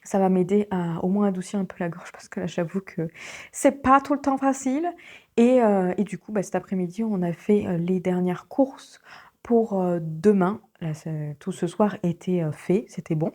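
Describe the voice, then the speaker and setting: Woman vlogging her day, sore throat, husky and half whispering. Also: on the low side, moderate pace, mellow. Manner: chatty, often drops to a whisper. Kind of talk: casual daily vlog chat.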